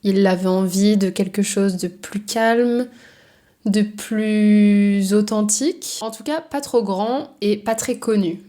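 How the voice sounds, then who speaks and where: A woman's voice: mid-range voice, slow. Chatty young French woman. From France (Brittany). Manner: chatty, gently enthusiastic, with fillers. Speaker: French teacher. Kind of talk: casual chat to camera.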